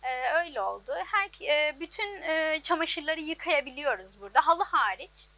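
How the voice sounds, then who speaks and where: A young woman in her twenties with a high, bright voice answers an interviewer. She talks simply, often hesitating with small fillers. She stands in an outdoor laundry workshop. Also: animated, moderate pace. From Turkey. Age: 20s. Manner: plain, hesitant with many fillers. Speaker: business owner.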